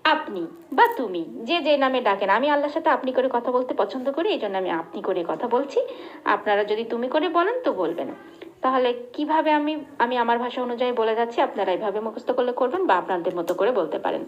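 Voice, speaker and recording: A woman teaching a religious lesson, slowly drilling pronunciation and asking her students questions. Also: a little high, expressive, a little hiss or hum. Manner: patient, repeats and drills pronunciation, asks the class questions. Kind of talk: slow recitation lesson. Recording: dull lo-fi recording.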